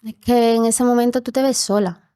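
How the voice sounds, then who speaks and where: A woman's voice: on the high side, steady tone, normal speed, warm tone, smooth, dry recording. Earnest young woman, dry close voice. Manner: earnest, acts out quoted voices from her childhood. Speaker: interview guest. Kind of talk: personal testimony in a podcast interview. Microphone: podcast studio mic.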